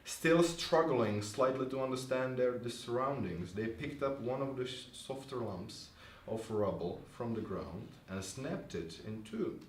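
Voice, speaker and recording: Reading fiction aloud at a literary night in a bar, the host and reader uses an expressive mid-range voice, keeping a measured pace with few pauses. The live recording sounds distant and roomy, with a little background noise.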